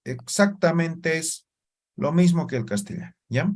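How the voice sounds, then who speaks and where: A man teaching a language class, talking slowly, checking in with his students and sounding out syllables one by one. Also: on the high side, expressive, a little mellow. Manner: slow, checks in with "¿no ve?" and "¿ya?". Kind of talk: classroom lesson.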